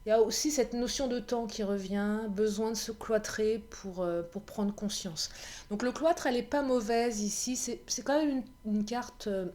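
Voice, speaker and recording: A woman with a hoarse voice giving a chatty card reading for viewers, often laughing at herself and clearing her throat. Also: on the high side, normal speed, darkish tone. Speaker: tarot card reader. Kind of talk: card reading guidance video.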